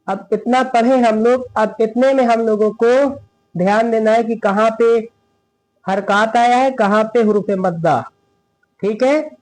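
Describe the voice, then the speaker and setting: A man with a high voice and a Hindi-Urdu accent teaches a Quran reading class. He keeps asking the class questions and answering them himself. He chants the verses slowly and stretches the vowels. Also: darkish tone, poor audio. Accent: Indian Hindi-Urdu. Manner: slow, drawn-out recitation of verses. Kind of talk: recitation lesson.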